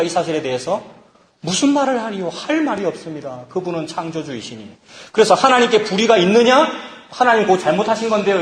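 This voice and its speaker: A male pastor delivers an animated sermon, firing rhetorical questions and acting out quotes. His voice sits somewhat high for a man. The sound rings with the echo of a large church hall. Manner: lively preaching, rhetorical questions, acted-out quotes. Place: church youth retreat hall. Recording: echoey hall.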